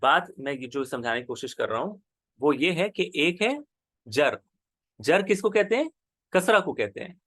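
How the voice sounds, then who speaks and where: A man leads an online grammar class in a high, animated voice that rises and falls freely. He explains slowly and patiently, repeating each term so students can follow. The sound is close and dry, with no room around it. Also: no echo. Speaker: teacher.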